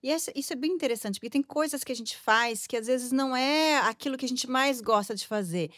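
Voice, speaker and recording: Fast-talking high-voiced Brazilian-podcast woman host. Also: no room sound, studio quality. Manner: animated storytelling. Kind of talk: casual interview chat.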